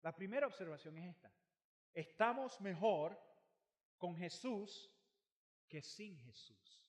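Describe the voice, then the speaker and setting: High-voiced preacher telling a Bible story. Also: male voice, lively intonation, slow pace. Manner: dramatic, swings between loud emphasis and near-hushed lines; repeats phrases for emphasis. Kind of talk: storytelling sermon.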